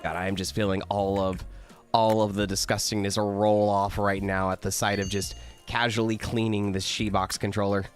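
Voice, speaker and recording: A man's voice: fairly low pitch, little pitch movement, normal speed, over music. Sick male streamer, rambling. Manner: rambling, lots of filler "like". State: sick, coughing. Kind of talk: casual gameplay chat.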